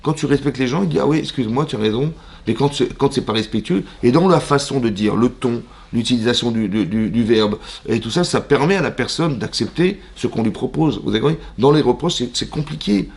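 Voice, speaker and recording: A rabbi teaching a mixed class in a synagogue, talking at a quick clip. His voice is gravelly, with a rough fry at the bottom. He plays both sides of little dialogues and keeps asking the room questions. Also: medium pitch, lively intonation, darkish tone. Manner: asks the audience rhetorical questions and acts out both sides of imagined dialogues; uses Hebrew religious terms in everyday French speech. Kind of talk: lively mixed Torah class to a congregation.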